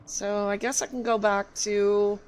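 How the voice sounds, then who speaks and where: A woman's voice: mid-range voice, level tone, measured pace, faint music behind. A woman talking casually as she plays a video game, in the manner of a streamer. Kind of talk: casual gaming chat while playing.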